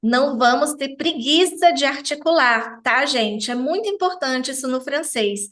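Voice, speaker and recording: A woman with a high voice teaches a pronunciation lesson at an unhurried pace. She articulates every word with care and repeats it so learners can copy her. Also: expressive, fairly bright tone. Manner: articulates each French word slowly and repeats it. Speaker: French teacher.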